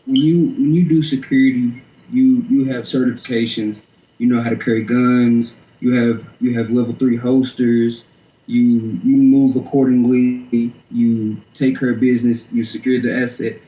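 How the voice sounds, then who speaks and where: A man's voice: medium pitch, flat delivery, moderate pace, mellow, highs cut off. A man giving an informal interview account as a security guard. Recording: roomy echo.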